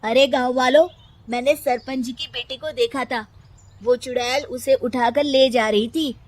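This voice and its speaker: A woman's voice: sits high, fairly even intonation, unhurried, dry recording. A woman voicing a sly young village man, emphatic and insistent, in a cartoon story.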